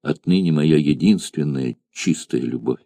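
A grieving noble mother from ancient Rome pleads through her tears in a soft, mellow voice, acted by a man reading an audiobook. The recording is dry and close. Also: very deep voice, a little slow, creaky, no room sound, voice pushed down, exaggerated voice. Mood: grieving tender. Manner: sobbing, pleading tenderness. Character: grieving noble Roman mother, tender and tearful.

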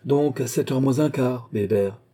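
A man voicing a lively noblewoman of about thirty who gives brisk, commanding orders. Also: medium pitch, lightly acted. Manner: brisk, imperious questions.

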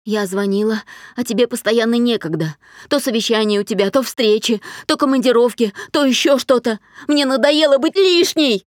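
A woman's voice: lively intonation, dry recording, studio quality. A woman voicing a distraught young adult daughter who accuses her father and breaks into sobs, in an audiobook. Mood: tearful. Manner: shrill, rapid, breaking into sobs.

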